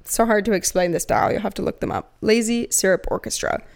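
A young woman co-hosting a podcast, chatting casually and telling animated stories with plenty of swearing. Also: medium pitch, fast talker, gravelly. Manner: swears freely, animated storytelling. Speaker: podcast co-host. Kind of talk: casual chat.

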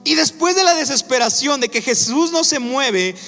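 A man preaching a sermon, animated and acting out characters in quick asides. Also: very high voice. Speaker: pastor. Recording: echoey hall with faint music. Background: faint music.

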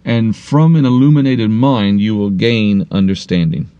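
Male Bible teacher, deep warm voice, explanatory, recorded dry and a bit lo-fi. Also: moderate pace, clear, resonant tone, no room sound. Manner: explanatory, repeats and restarts phrases. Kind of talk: recorded online course lesson.

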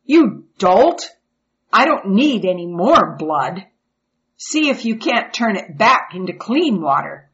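A haughty, stubborn king who barks orders loudly and with scorn, as a woman storyteller puts him on. The recording sounds dull and lo-fi. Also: a little high, lively intonation, takes it slowly, voice pushed up. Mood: angry. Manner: scornful, commanding.

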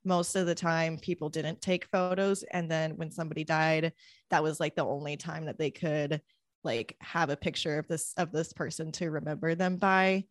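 A young woman with a notably low voice chats casually about a movie she watched. She retells scenes eagerly, slipping into quick bits of dialogue and peppering her talk with likes. The sound is dry and close, with no room around her. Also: no room sound. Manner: animated retelling, acts out quotes, frequent likes. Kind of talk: casual chat about a film.

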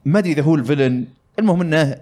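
A man's voice: fairly high pitch, very fast, mellow. A man hosting a casual gaming podcast, talking in a rambling way with many fillers. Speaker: podcast host.

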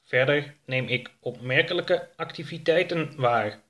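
Smug ship's computer, slow and deliberate, bright tone, as a man reads it out in a storybook. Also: a little high. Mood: measured. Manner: slow, measured, flat. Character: male spaceship computer, smug know-it-all machine. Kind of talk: storybook reading.

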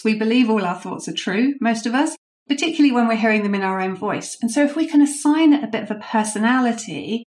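A woman, a leadership coach answering interview questions in an explanatory way and sharing anecdotes. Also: on the high side.

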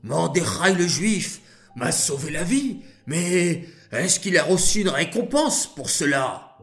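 A man's voice: medium pitch, animated, slow pace, faint music behind. A man voicing an impatient, grumpy king who growls and barks orders in a storybook tale. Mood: agitated. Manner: growling, loud and bossy.

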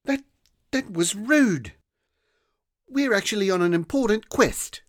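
Narrator as a high-voiced, flustered girl who stammers, then gets indignant. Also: animated, unhurried, dry recording, lightly acted. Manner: stammering, high-pitched, shrill.

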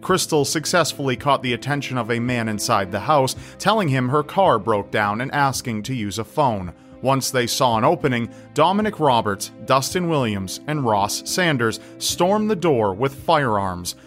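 A man's voice: mid-range voice, animated, normal speed, few pauses, a bit bright. A man reading scripted narration in the style of a true crime list video. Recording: music behind the voice. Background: background music.

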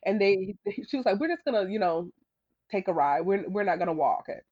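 A woman guest telling her story in a conversational, earnest way, growing animated when she quotes others. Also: mid-range voice, moderate pace, breathy edge. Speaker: podcast guest. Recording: slightly dull lo-fi audio.

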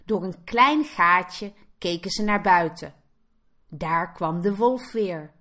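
Slow, expressive woman reading a storybook. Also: on the low side. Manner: clear, expressive read-aloud. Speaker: Dutch teacher. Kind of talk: slow storybook narration for learners.

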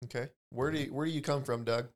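A man's voice: medium pitch, fairly even intonation, quick pace, no echo. A man hosting a podcast, reading a friendly scripted introduction and then giving short interview prompts. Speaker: podcast host.

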